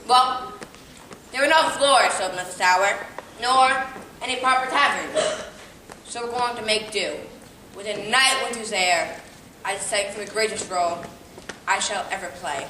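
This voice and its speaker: A woman playing a rotund, pompous, flamboyant Victorian actor, a gentleman with florid, grandiose theatrical delivery. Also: mid-range voice, a little slow, long pauses, lightly acted. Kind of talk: theatrical stage comedy acting. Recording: echoey, distant, noisy amateur stage recording.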